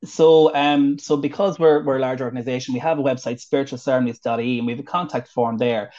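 An Irish man talks quickly and chattily, full of little fillers and restarts. The sound is dull and lo-fi, and his pitch sits in an ordinary middle range. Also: steady tone, mellow. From northwest of Ireland. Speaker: wedding celebrant. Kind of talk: casual interview chat. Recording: dull lo-fi audio.

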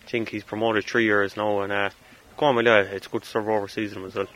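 A male soldier talks casually to an interviewer. His low voice has a bright, hard edge and moves along rapidly on a level tone. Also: little pitch movement.

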